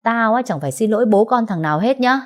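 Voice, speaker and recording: A woman voicing a drunk, bullying man who shouts slurred abuse in speech, as an audiobook character. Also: on the high side, lively intonation, fast, pitched above the performer's own voice, close to an everyday voice. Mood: drunk, furious.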